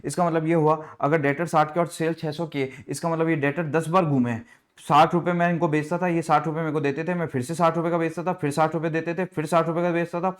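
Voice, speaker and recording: Energetic male teacher quizzing his class. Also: on the high side, quick pace. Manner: energetic call-and-response questioning; playful, hypes the students. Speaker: finance teacher. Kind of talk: exam revision lecture.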